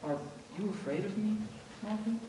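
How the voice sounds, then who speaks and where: A young man playing a polite, hesitant, earnest suitor in a stage play, speaking in a halting, courteous way. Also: high voice, dark tone, natural voice. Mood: awkward. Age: teenage or young adult performer. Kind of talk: high school stage play acting. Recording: echoey stage, distant mic, noisy.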